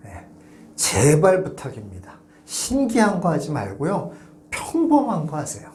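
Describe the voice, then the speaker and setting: A man hosts a real estate channel and talks straight to his viewers. He speaks emphatically, with a lively pitch that climbs and drops, and keeps coming back to short, blunt refusals. The room is echoey, with a faint hum underneath. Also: a little slow. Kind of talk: advice monologue to viewers.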